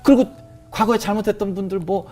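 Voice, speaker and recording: A man's voice: sits high, fairly even intonation, fast talker, a little mellow, faint music behind. A man animatedly recounting a personal religious experience as a guest, emotional and full of fillers. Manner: emotional, vivid retelling with many fillers. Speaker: guest sharing a testimony.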